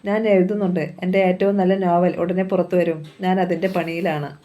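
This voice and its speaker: A woman's voice: on the low side, little pitch movement, moderate pace, dark tone, close to an everyday voice. A woman reading the part of a withdrawn, troubled woman writer, in her own voice. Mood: subdued.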